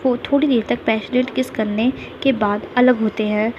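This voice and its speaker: A woman narrating a retold fan fiction story at a steady storytelling pace. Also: on the high side, moderate pace. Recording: dull lo-fi with faint hiss.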